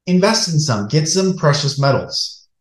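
A man speaking to his online viewers in an earnest, preacher-like monologue, with emphatic, deliberate phrasing. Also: on the high side, animated. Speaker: online show host. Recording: echoey room, flawed stream audio.

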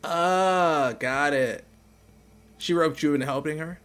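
In a naturalistic audio drama, a man plays a caring, teasing middle-aged uncle, speaking gently, wryly and reassuringly. His pitch is fairly high, his pace slow, and he sounds curious and concerned.

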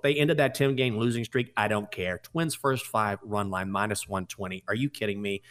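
A man's voice: medium pitch, a bit bright. A man hosting a sports betting show, hyping his picks in a confident, punchy tipster manner. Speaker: host.

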